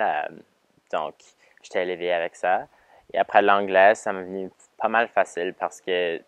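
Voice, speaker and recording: A man's voice: sits low, a bit bright, clean tone, no echo. A teenage boy with a Franco-Ontarian accent, answering interview questions casually, hesitant with many fillers and English words slipped in. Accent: Franco-Ontarian French. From Ontario, Canada. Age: teens. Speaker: student songwriter.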